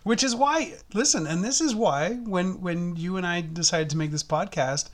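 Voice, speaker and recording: A man's voice: sits high, normal speed, a bit bright. A man co-hosting a podcast in casual chat, rambling and laughing often as he talks. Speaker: podcast co-host. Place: Toronto, Canada.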